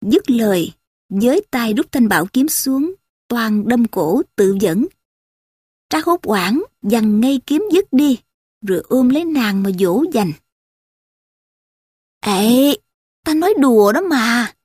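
A woman storyteller reading a classical novel aloud in a steady, measured way. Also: fairly high pitch, breathy edge, no echo, studio quality.

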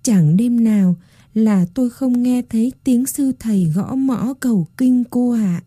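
A frail, sick grandmother in her last days, speaking weakly through tears, as a woman storyteller voices her. The voice is breathy and mellow, soft and unhurried. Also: on the high side, no echo, studio quality. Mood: frail, tearful. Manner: weak and tearful. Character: frail, sick old grandmother, weeping and gentle.

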